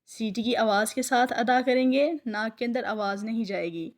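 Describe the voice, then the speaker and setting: A woman teaching a recitation lesson, patiently explaining each letter and drawing its sound out slowly. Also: fairly high pitch, fairly even intonation. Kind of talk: tajweed lesson, slow letter drills.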